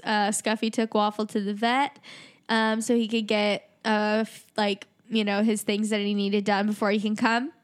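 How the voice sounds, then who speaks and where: A woman's voice: on the high side, a bit bright, clear, resonant tone. A woman co-hosting a podcast in casual chat, bubbly and playful with a slightly nasal voice. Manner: bubbly, playful, quick to laugh. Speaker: podcast co-host.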